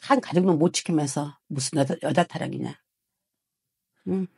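A woman's voice: low-pitched, normal speed, gravelly, a little mellow, husky, dry recording, studio quality. A woman fortune teller harshly scolding a client, swearing and prodding him with rhetorical questions. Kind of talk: heated consultation with a client.

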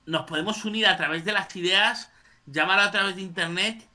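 High, sharp-voiced Spanish man. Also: moderate pace. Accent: Spain Spanish. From Spain. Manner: rambling, with frequent tag questions. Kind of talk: casual debate.

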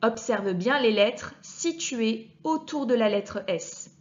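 A woman teacher giving a clear reading lesson to young children, speaking to the child directly and sounding out each letter with care. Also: a little high, animated, lo-fi sound. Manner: patient, addresses the child directly, deliberately articulated sounds. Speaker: primary school teacher.

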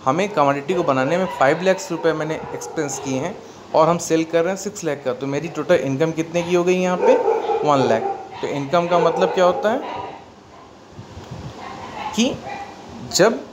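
A man's voice: fairly high pitch, moderate pace, pauses often. A man with an Indian accent teaching an accountancy lesson, explaining step by step and asking and answering his own questions. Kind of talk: classroom lecture mixing Hindi and English. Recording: faint background noise.

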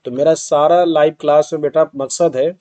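A man's voice: on the high side, steady tone, moderate pace, warm tone. A young man teaching chemistry exam revision, calling students "beta" and asking himself rhetorical questions.

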